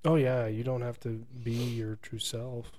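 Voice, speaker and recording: A man's voice: mid-range voice, level tone, measured pace, warm tone. A man co-hosting a casual chat, asking short questions and teasing his friend.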